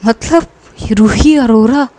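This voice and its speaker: A woman's voice: a little high, slow pace, dark tone. A woman voicing an amused, chatty young friend in a narrated story.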